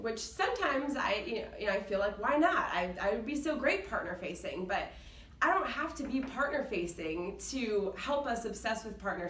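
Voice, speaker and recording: An employee applying to a company culture club gives an unscripted pitch about workplace values. She speaks loudly and is earnest and enthusiastic, even saying she has a loud voice. The recording sounds roomy, with a slightly distant mic and faint background noise.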